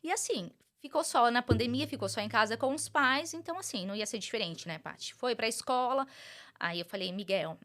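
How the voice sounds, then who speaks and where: A woman in her thirties from Brazil, a teacher and mother, chatting as an interview guest and telling animated stories while often calling the host by name. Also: fairly high pitch, fairly quick. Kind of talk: casual interview chat.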